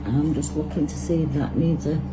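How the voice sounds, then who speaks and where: A woman with a Manchester accent and a lowish voice demonstrates a hands-on resin project, chatting easily and thinking aloud as she works, fairly quickly. Steady background noise and passing traffic can be heard beneath her.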